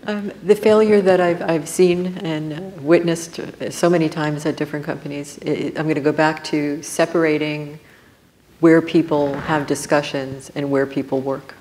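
A woman speaking as a panelist on a conference stage, in a measured, reflective way. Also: low-pitched, steady tone, mellow, slight background noise. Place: conference stage before an audience.

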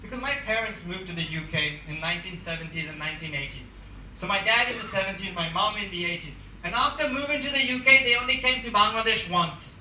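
A young English motivational speaker in his twenties presses his points repetitively to students, holding a mic in a large conference room. The far camera records his high, quick, bright and forceful voice in an echoey space with slight background noise.

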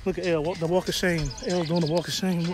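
A man in his thirties vlogging while fishing off a riverbank, loud and laughing, swearing a lot, recorded on a phone camera outdoors. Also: on the high side, steady tone, fairly quick, noisy background. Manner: loud, laughing, profane hype talk. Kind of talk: casual fishing vlog banter. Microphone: phone camera held or propped nearby.

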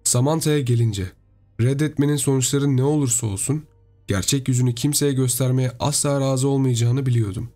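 A man's voice: mid-range voice, a little fast, mellow, soft background music. Man narrating a horror story.

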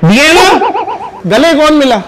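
A man's voice: very high voice, animated, takes it slowly, over a noisy crowd. A man running a hidden-camera prank from behind a shop counter, needling customers with mock insults and repeating himself. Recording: noisy shop recording.

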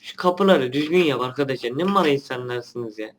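A man's voice: mid-range voice, moderate pace, slight background noise. A young man, a gaming channel host giving casual gameplay commentary, chatty and grumbling at the game.

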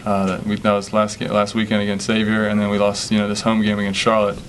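Young male athlete at a postgame presser; low, flat delivery, hesitant, faint background hum. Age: young adult. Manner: halting, many fillers and restarts. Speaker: college basketball player. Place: press conference room with sponsor backdrop. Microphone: table microphone.

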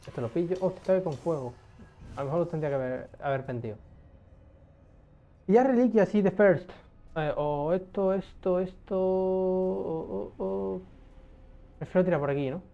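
Excitable swearing man, mellow voice. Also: high-pitched, moderate pace, gravelly, muffled recording. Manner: excitable, swears often, talks to himself. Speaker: gaming streamer. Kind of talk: casual gameplay commentary.

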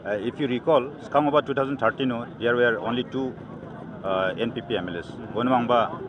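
The recording is muffled: a middle-aged political candidate with a Northeast Indian accent speaks fast at mid-range pitch with fairly even intonation, though the press interview itself is argumentative and emphatic, with English mixed in. Handheld news microphones are held close at an outdoor evening gathering, and crowd noise from a busy crowd sits behind his voice.

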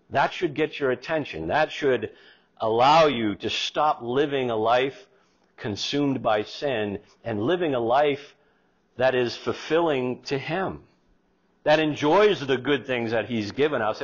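This sermon comes from a middle-aged pastor whose medium-pitched voice is fairly bright and husky. He reads scripture in front of a wooden pulpit in the sanctuary, his emphasis rising as he goes. The church recording sounds slightly dull and lo-fi.

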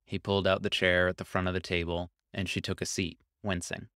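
A man with a low, deep voice narrates a short story in a calm, even manner. His tone is smooth and resonant. The recording is dry and close, with no room sound. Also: brisk, dry recording. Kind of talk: scripted narration.

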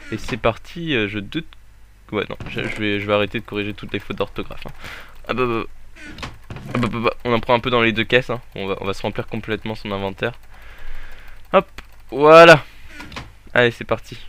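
A young man giving jokey, excitable let's play commentary, talking to the game as he plays. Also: fairly low pitch, fairly quick, long pauses, slight background noise. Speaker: gaming YouTuber.

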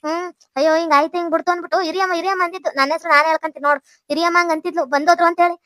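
A woman's voice: very high-pitched, steady tone, very fast, bright, forceful tone, no echo. A woman voicing a doting old village grandmother in a cartoon, with a North Karnataka Kannada accent and a fussy, gushing manner. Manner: fussy, gushing, lots of sighs. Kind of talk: cartoon voice acting.

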